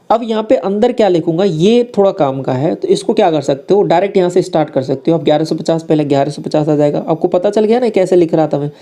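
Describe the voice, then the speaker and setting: Mellow-voiced male maths teacher explaining steps. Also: on the high side. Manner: talks students through each step, asks them questions and answers in their voice. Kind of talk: explaining exam maths problems to students.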